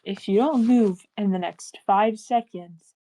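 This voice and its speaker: A woman's voice: mid-range voice, a little slow, mellow. A woman playing a blunt, bossy pirate woman. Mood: warning. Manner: firm, warning.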